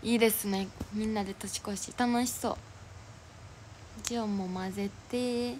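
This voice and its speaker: A woman's voice: medium pitch, fairly even intonation, moderate pace, darkish tone. A young woman with a Kansai accent chatting casually on a livestream, cheerfully reading out and thanking viewers for their comments and gifts. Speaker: idol livestreamer. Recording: noisy livestream audio.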